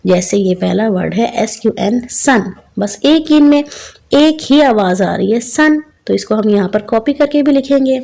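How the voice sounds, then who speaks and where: A woman teacher explaining a children's English textbook, reading each line slowly and then explaining it to young pupils. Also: a little high, lively intonation, gravelly, mellow. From Pakistan. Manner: addresses children as beta and bachchon.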